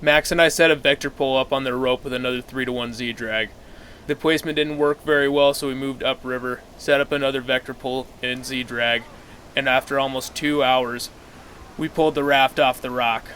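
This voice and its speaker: A man's voice: mid-range voice, fairly even intonation, a little fast, a bit bright, slight background noise. A man giving casual narration of a trip as an outdoor vlogger.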